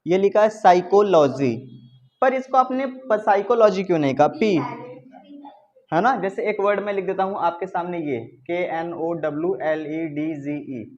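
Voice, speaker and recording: A male teacher runs an English lesson in a classroom, lively and coaxing, firing questions at his students and repeating them. The recording is slightly muffled, with a faint hum underneath. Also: high voice, moderate pace.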